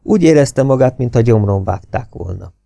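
A man narrating a novel as an audiobook reader in a steady, expressive reading style. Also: mid-range voice, gravelly, dry recording.

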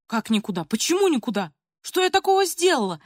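A woman voicing a rebellious teenage girl who protests in a high, tearful wail. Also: big pitch swings, quick pace, no room sound, clean studio sound. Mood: protesting.

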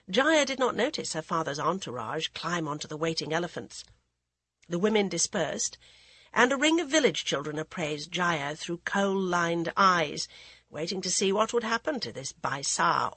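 A woman's voice: fairly bright tone, husky, no echo. A woman narrating a storybook, raising her voice for the characters. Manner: voices characters with raised pitch. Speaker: audiobook narrator.

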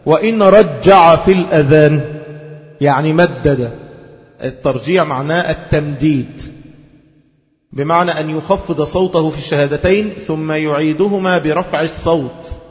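Man chanting and teaching, reverberant hall. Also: fairly high pitch. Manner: teaching in formal Arabic with colloquial asides, chanting examples slowly. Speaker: religious teacher. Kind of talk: religious lesson with chanted call to prayer. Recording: dull lo-fi audio with long hall reverb.

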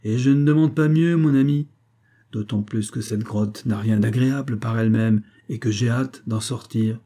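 A man voicing a calm, good-humoured aristocrat in a read-aloud story, speaking with light, wry amusement. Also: lowish voice, moderate pace, close to an everyday voice. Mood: confiding.

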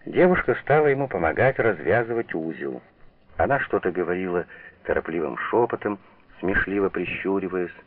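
A deep, gravelly man reads a novel aloud for radio, measured yet expressive, with a pitch that rises and falls widely. The sound is narrow and tinny, like an old broadcast heard over a phone line. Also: dry recording. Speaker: narrator. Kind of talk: literary reading for radio.

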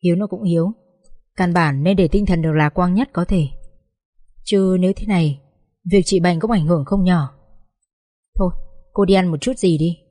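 Tired sorry middle-aged guy in a storybook reading, woman doing him, mellow and dry. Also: lowish voice, moderate pace, pauses often, no echo, lightly acted. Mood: apologetic. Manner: tired, sighing, apologetic.

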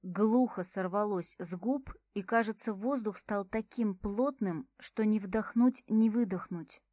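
A woman reading a first-person audiobook in a measured, tense way. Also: medium pitch, warm tone, no room sound, studio quality. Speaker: audiobook narrator.

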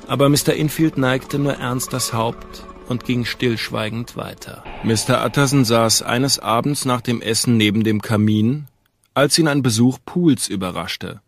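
A man reading an audiobook in a measured, calm storytelling manner. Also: medium pitch. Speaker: audiobook narrator. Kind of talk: scripted narration.

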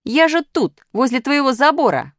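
A woman's voice: sits high, very animated, normal speed, dry recording, clean studio sound, voice pushed up. A woman voicing an indignant female digit five scolding in an audiobook.

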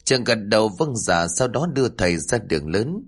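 A man narrating a ghost story in a dramatic, expressive scripted style. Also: fairly low pitch, normal speed, slightly rough.

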